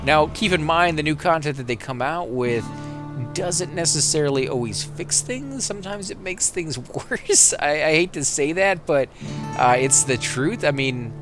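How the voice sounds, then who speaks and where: A man giving casual, rambling let's play commentary, correcting himself as he goes and getting excited in fights. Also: fairly high pitch, measured pace. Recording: game music loud behind voice. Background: game music and vehicle sounds.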